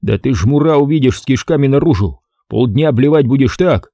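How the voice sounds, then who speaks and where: A gruff middle-aged police chief, impatient and slangy, voiced by a man reading an audiobook. The voice is dark and mellow with a lively pitch. It is recorded dry and close. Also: fairly quick, no echo.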